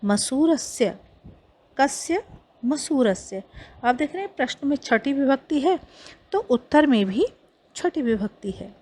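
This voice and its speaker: A woman's voice: high-pitched, lively intonation, measured pace, a little mellow. A woman with an Indian accent teaches a Sanskrit lesson, reading each line and explaining it in Hindi.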